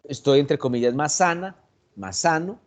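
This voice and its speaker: A man with a Colombian accent, a psychologist explaining anxiety in a reflective, measured way, pausing and restarting as he thinks. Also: on the high side, very animated. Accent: Colombian Spanish. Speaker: psychologist guest. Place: online video session.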